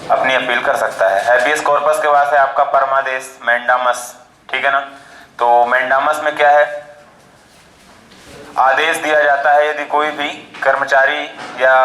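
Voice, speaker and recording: A man's voice: mid-range voice, sharp tone, roomy sound, rough recording. A male teacher giving a classroom lecture, explaining step by step and often checking with short tag questions.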